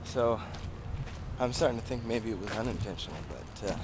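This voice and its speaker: An American man chats casually to viewers while out on a long run, sounding tired and pausing as he talks. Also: on the low side. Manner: talking while out on a long run, with pauses and breaks for breath. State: tired from running. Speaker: running vlogger. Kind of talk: casual vlog chat to viewers. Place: outdoors on rural roads. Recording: clear outdoor ambient noise.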